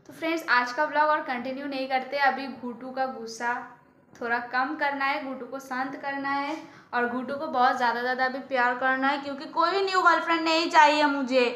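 A woman's voice: high-pitched, steady tone, a little fast, bright, forceful tone, roomy sound. A young woman with a Bengali accent, playfully chatting and pleading in a casual couple vlog. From Kolkata, India. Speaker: vlogger.

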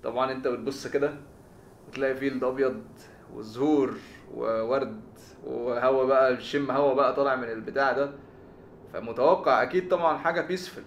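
A man with an Egyptian Arabic accent giving excitable live game commentary, with shouted exclamations and stammered repeats. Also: mid-range voice, a little fast, reverberant, lo-fi sound, a little hiss or hum. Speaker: gaming video host.

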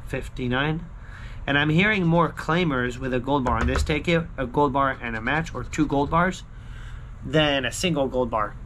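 A man's voice: mid-range voice, moderate pace, noisy background. A man in his thirties chatting casually to viewers as a vlog host, slangy and fond of repeating short catchphrases, recorded outdoors by a backyard pool. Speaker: scratch-ticket video host. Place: outdoors, backyard pool and screened poolside patio.

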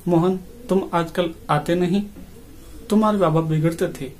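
A man voicing a humble, gentle wandering male ascetic beggar who speaks softly and kindly. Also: sits high, steady tone, normal speed, natural voice. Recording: faint background noise.

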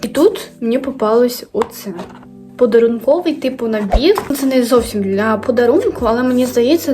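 A young woman from Ukraine chatting casually as she unboxes and reviews beauty products, often correcting herself and slipping into quiet asides. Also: a little high. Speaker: beauty vlogger.

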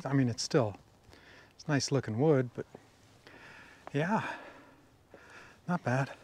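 A middle-aged sawmill operator takes his time, his mid-range voice a little mellow, with a faint hiss or hum on the recording. He talks to himself while milling outdoors in a wooded yard, admiring the wood in asides picked up by an action camera on the mill.

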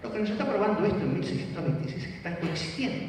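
A man's voice: sits high, lively intonation, rapid-fire, background noise. A man giving an academic lecture, teaching and checking in with his listeners. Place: lecture hall. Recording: echoey hall from far off.

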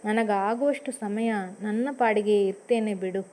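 Brief: kindly old father, voiced by a woman, calm and soft-spoken. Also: medium pitch, measured pace, natural voice. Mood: gentle. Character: gentle elderly father advising his daughter.

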